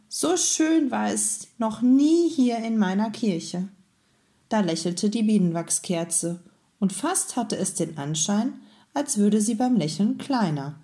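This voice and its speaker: A woman reading a children's story aloud in a calm, unhurried way. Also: lowish voice. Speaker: kindergarten head reading a story.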